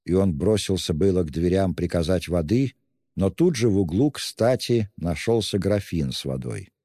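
Low, mellow male narrator, measured literary reading with long hall reverb. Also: expressive, studio quality. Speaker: audiobook narrator.

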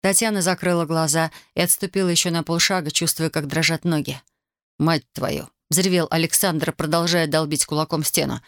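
An audiobook narrator reading a novel in a steady, dramatic manner. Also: medium pitch, brisk, hardly any pauses, no echo, studio quality.

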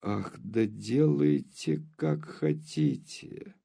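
A man's voice: lowish voice, very animated, very slow, gravelly, dark tone, heavily acted. A man reading an audiobook voices a flustered aging countess who speaks plaintively. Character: flustered aging countess, defensive then meek.

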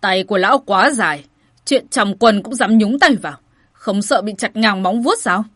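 An enraged, towering general barks his words in a loud, cold voice, as a woman reads him. The tone is husky. The sound is close and dry. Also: mid-range voice, normal speed, no echo, lightly acted. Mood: angry shouting. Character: towering angry male general in armor.

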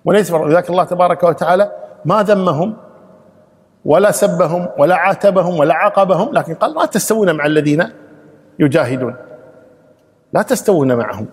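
A man's voice: high voice, slightly rough, in a large hall. A man, a sheikh giving an emphatic Quran exegesis lesson, reciting verses and repeating key phrases.

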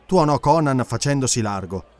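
A man reading an adventure audiobook aloud with dramatic, expressive narration. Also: medium pitch, normal speed, no room sound, soft background music. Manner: expressive, animated storytelling.

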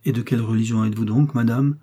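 A man doing a stern young officer, stiff, disdainful, dark husky voice, storybook reading. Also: mid-range voice, steady tone, quick pace, lightly acted.

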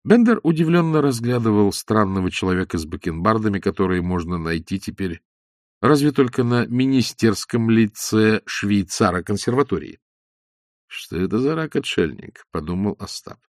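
Low-voiced male audiobook reader, wide-ranging and wry, close and dry. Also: normal speed, dry recording. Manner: expressive, lightly ironic storytelling. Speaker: audiobook narrator. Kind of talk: scripted narration.

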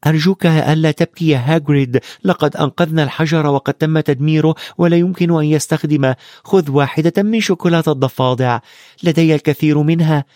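A man's voice: fairly high pitch, quick pace, a little mellow, dry recording, clean studio sound, voice pushed up, lightly acted. Harry Potter: a man doing an earnest schoolboy. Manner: earnest and reasoning. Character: thoughtful, brave young schoolboy. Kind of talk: audiobook character voice.

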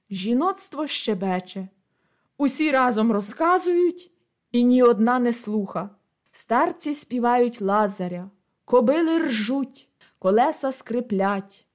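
A woman reading a classic story aloud as scripted narration, measured and lively in delivery. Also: on the high side. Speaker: audiobook reader.

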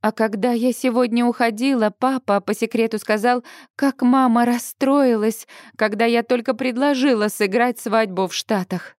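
Bright-voiced young woman reading an audiobook. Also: a little high, steady tone, moderate pace, no room sound, clean studio sound. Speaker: audiobook narrator. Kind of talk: first-person audiobook narration.

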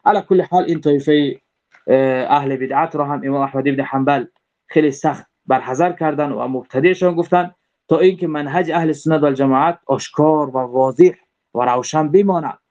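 A man's voice: a little high, a little mellow. A man with a Tajik Persian accent gives a religious creed lesson, explaining step by step with repeated rephrasing and frequent hesitant fillers. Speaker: religious teacher. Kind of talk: lecturing on creed. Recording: dull lo-fi recording.

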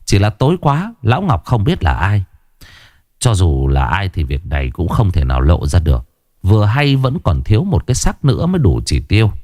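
Lively deep-voiced male horror narrator. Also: normal speed, no room sound, clean studio sound. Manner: dramatic, lively telling. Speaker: storyteller.

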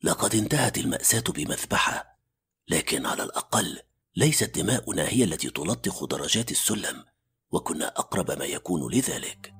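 A man's voice: sits low, animated, a little fast, fairly bright tone. A man playing an anxious, analytical male doctor who narrates a radio horror story in a suspenseful, formal literary manner. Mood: grave, tense. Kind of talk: dramatic first-person radio story narration. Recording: faint music under the voice. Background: faint background music.

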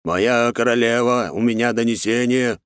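A man voicing a large, deferential male insect herald reporting to his queen, with a smooth voice. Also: medium pitch, steady tone, moderate pace, dry recording, studio quality, pitched above the performer's own voice, close to an everyday voice.

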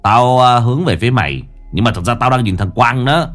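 A man voicing a gruff, blunt older man who swears and talks low in a ghost story. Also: expressive, brisk, fairly bright tone, faint music behind, natural voice.

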